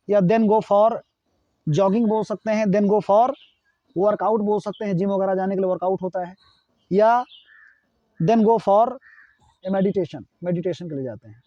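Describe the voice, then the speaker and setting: High-voiced man teaching slowly. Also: warm tone, dry recording, muffled recording. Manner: explains in Hindi, says English sentences slowly and clearly. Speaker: English teacher. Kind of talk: spoken English lesson.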